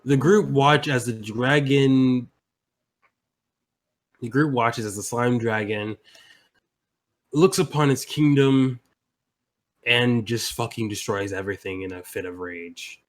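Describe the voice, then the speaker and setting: Male game master, casual narration, profane, mid-pitched voice. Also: slow, pauses often. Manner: casual, swearing, laughing, with fillers.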